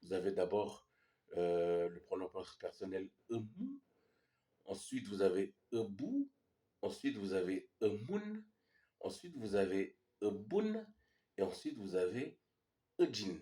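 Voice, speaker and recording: New guy teaching his language, low mellow voice, bounces up and down a lot, keeps asking ok?. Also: very animated, slow pace. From New Caledonia. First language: Iaai. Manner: patient, repeats "ok?" to check understanding. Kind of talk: explaining a language lesson.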